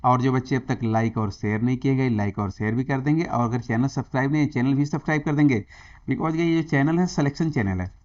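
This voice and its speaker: An Indian man teaches an exam-prep grammar lesson, slipping between Hindi and English as he keeps quizzing his viewers. His voice is a middle pitch for a man. The online lesson audio sounds slightly dull and muffled. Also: quick pace, darkish tone.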